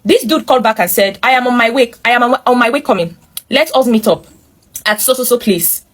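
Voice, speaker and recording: A woman with a Nigerian accent speaks a little fast in a slightly high, somewhat bright voice. Hosting, she works through a viewer's story with animated narration and emphatic opinions. She repeatedly interjects commentary meant directly for listeners.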